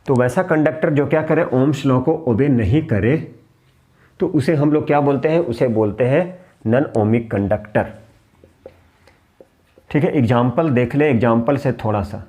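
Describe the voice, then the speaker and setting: Male teacher, slow and mellow, answers his own questions. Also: medium pitch. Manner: clears throat often. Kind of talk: classroom physics lesson.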